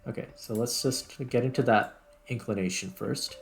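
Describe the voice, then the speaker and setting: A man hosts a gaming video, chatting casually and reasoning aloud step by step while he plays in a let's play style. His voice is mid-range and a bit creaky, and he speaks at a moderate pace. Music plays in the background.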